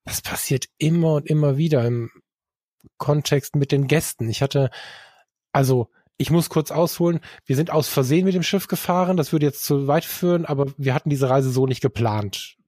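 A man's voice: a little high, normal speed, a little mellow, no echo, studio quality. A man talking casually about his travels with a camera, rambling, with many fillers and self-corrections. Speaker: guest photographer. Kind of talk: casual storytelling in a podcast conversation.

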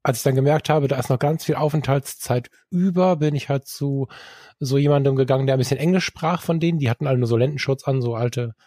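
A man's voice: medium pitch, quick pace, warm tone, dry recording, clean studio sound. A man talking casually about his travels with a camera, rambling, with many fillers and self-corrections. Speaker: guest photographer. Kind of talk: casual storytelling in a podcast conversation.

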